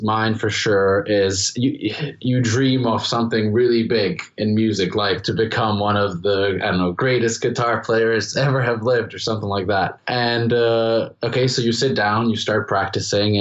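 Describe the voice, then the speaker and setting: A young Czech man, a native speaker and guest musician, answers interview questions casually and ramblingly, often restarting his sentences. He has a strongly Americanized international-school English accent and a voice on the low side. The sound is lo-fi.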